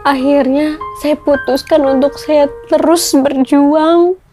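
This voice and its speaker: A woman's voice: high voice, steady tone, takes it slowly, dark tone. A young woman telling a personal story in a vlog, emotional and tearful at times, acting out the voices of the people she quotes. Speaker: vlogger. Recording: music playing behind the voice.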